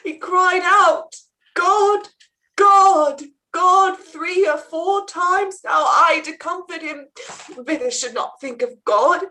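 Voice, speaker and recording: A woman's voice: extremely high pitch, slow, sharp tone, heavily acted. A woman playing a garrulous, tender, earthy tavern wife in a theatrical, rambling Shakespearean stage style. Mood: mournful, tender.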